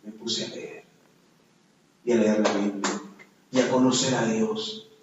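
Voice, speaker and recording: A man's voice: fairly low pitch, fairly even intonation, measured pace, background noise. A man preaching a sermon and telling his own testimony, emphatic and calling out to the congregation. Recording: echoey, dull hall sound from far off.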